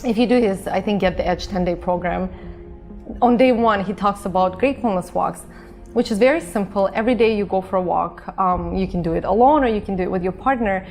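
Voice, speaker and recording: A Russian-speaking woman from Azerbaijan, in the former Soviet Union, appears as an interview guest, telling stories casually, earnestly and expressively. Her voice is mid-range and brisk, with background music behind it.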